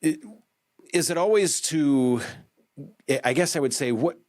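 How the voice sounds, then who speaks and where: A man's voice: on the high side, a little slow, no echo, clean studio sound. A man hosting a podcast interview, talking casually with lots of fillers and restarts. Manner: animated, many fillers and restarts. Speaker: podcast host. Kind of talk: conversational interview.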